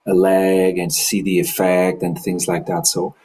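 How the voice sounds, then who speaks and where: A man leading an online study discussion, speaking in a thoughtful, measured way. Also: low voice, flat delivery, darkish tone, low-quality recording. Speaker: discussion leader.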